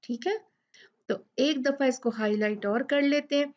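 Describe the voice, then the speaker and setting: A woman teaching a tajweed pronunciation lesson, repeating each sound and word slowly for practice. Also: high-pitched, muffled recording. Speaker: Quran recitation teacher.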